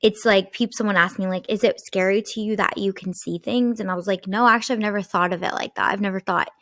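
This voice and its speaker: A woman's voice: mid-range voice, fast talker, no echo, studio quality. Chatty young woman telling a story. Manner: animated storytelling, lots of "like" fillers. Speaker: podcast co-host. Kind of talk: casual chat, storytelling.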